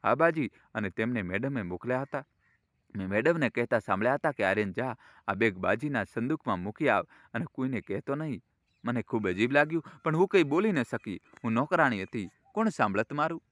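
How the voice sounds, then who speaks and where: A man's voice: mid-range voice, expressive, fairly quick, fairly bright tone, dry recording, studio quality, close to an everyday voice. A man voicing a timid, loyal young household maid who speaks hesitantly and deferentially, in an audio story. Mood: confiding.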